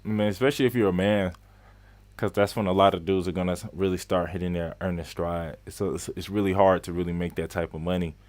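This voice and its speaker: A man's voice: deep voice, fairly even intonation, fast talker, darkish tone, dry recording. A man in his late twenties hosting a casual live-stream Q&A as a skate coach, chatty and repeating phrases for emphasis as he greets viewers. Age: 20s. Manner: greets viewers by name mid-flow.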